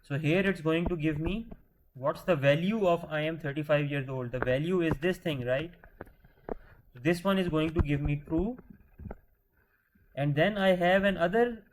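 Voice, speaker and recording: In a screen-share coding lesson, a man with a slightly high voice speaks at normal speed and pauses often, with background noise behind him. He teaches patiently, posing questions and answering them himself. He frequently restarts words mid-sentence.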